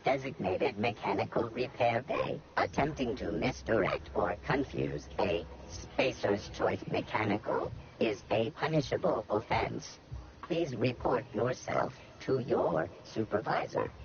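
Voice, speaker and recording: A man voicing a calm, rigid robot mechanic that is lost and malfunctioning, speaking in a flat robotic computer voice with monotone, formal status reports. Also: medium pitch, a little slow, dull audio.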